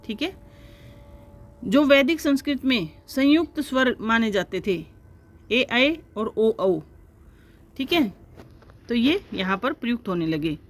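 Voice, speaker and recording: A woman teaching a lecture to exam students, explaining step by step and often pausing to check with her listeners. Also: fairly high pitch, expressive.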